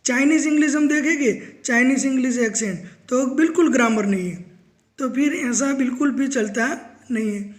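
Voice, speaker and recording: A man's voice: very high-pitched, normal speed. A man with an Indian accent teaching spoken English to students, mixing English phrases into his explanations. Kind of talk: explanatory lesson.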